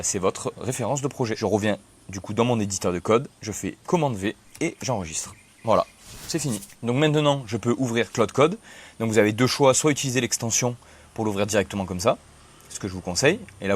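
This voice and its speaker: A young man casually explaining software setup step by step in a tutorial video. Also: medium pitch, breathy edge. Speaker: tech tutorial host. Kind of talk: screen-recorded software tutorial.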